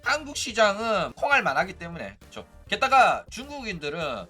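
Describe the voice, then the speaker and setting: A man hosting a casual livestream commentary, talking in an animated, chatty way with mocking asides. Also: high voice, normal speed, faint music behind. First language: Korean. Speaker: streamer and commentary host.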